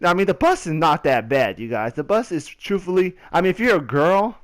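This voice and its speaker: A young American man with a high, expressive voice tells a casual story over gameplay at a fairly quick clip. He speaks straight to his listeners in a slangy, conversational style.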